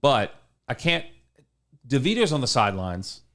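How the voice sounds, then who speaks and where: A man's voice: mid-range voice, very animated, normal speed, a bit bright. A man co-hosting a casual sports podcast, talking at length and teasing his co-host. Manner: talkative, rambling, teasing.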